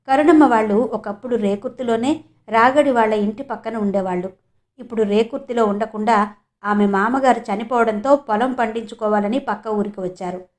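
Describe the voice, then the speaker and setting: A woman reading a novel aloud in steady scripted storytelling narration. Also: a little high. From India. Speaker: audiobook narrator.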